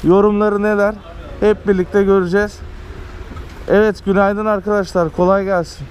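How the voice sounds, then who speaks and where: A man's voice: high-pitched, flat delivery, normal speed, a little mellow. A man vlogging and interviewing fellow couriers casually, recorded outdoors on an action camera. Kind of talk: casual street interview and vlog commentary. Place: outdoors on city pavements. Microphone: action camera worn by speaker. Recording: outdoor street and vehicle noise.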